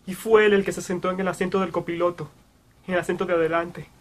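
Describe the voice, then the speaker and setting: A young man acting a dramatic monologue as a guilt-ridden brother, sorrowful and anguished, with halting delivery. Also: high voice, level tone, lightly acted. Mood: pained confession. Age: young adult. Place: small room, indoors.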